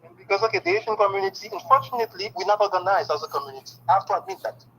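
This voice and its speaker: Racing along in a high, creaky voice, this Haitian man speaks natively and answers interview questions with candor and emphasis. He is excited and peppers his talk with "okay," and the rough recording carries slight background noise.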